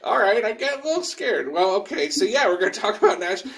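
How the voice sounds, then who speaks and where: A man's voice: high-pitched, very animated, quick pace, gravelly, a bit bright. A man hosting a casual live presentation from underground in a copper mine, talking in a rambling way with lots of fillers, his voice echoing off the rock around him. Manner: chatty and rambling, many fillers and restarts. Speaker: host and president of a rail education group.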